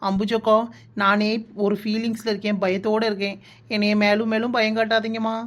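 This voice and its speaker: A woman's voice: medium pitch, flat delivery, fairly quick, natural voice. A woman with a Kanyakumari Tamil accent voicing a playful, chatty young village bride in a cartoon. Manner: teasing, whiny, chatty.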